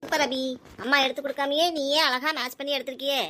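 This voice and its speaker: A woman's voice: sits high, flat delivery, fast talker, bright, forceful tone. A woman, playing a scolding, talkative mother in a scripted family skit.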